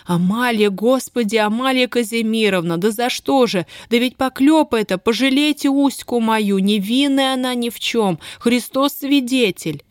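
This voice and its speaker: A woman's voice: on the high side, a little slow, hardly any pauses, dry recording, clean studio sound, pitched above the performer's own voice, close to an everyday voice. A woman voicing a desperate peasant mother in an audiobook, wailing and begging for mercy. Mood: pleading. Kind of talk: audiobook character voice.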